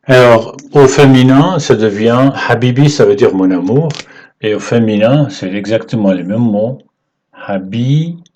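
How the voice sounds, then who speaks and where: A man teaching the alphabet in French, patient and halting, often checking in with "ok?" as he writes. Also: medium pitch, a little mellow. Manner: slow, halting delivery with fillers. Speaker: Arabic teacher. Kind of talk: whiteboard lesson explaining letters.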